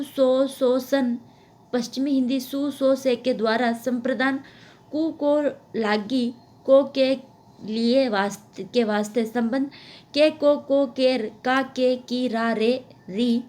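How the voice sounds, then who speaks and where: A woman teaching an exam-prep lecture, dictating slowly and repeating each example word. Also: sits high, a little mellow. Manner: slow, deliberate dictation with repeated example words.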